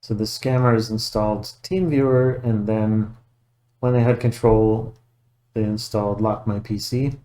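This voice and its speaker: A man's voice: fairly low pitch, steady tone, unhurried, dark tone, low-quality recording. A man working as a computer repair technician talks through a casual tech walkthrough, methodical and matter-of-fact, thinking aloud as he goes.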